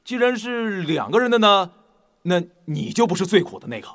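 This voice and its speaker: A man's voice: high-pitched, big pitch swings, normal speed, a bit bright. An actor playing a glib adviser who lectures the king on love, preachy and cocky. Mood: lecturing. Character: glib male adviser, fancies himself a love expert.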